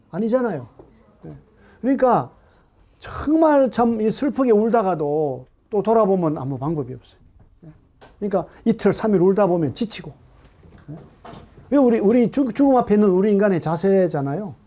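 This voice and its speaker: A middle-aged man preaching a sermon to a congregation in an animated way, often asking them questions. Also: high-pitched. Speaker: pastor. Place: church hall.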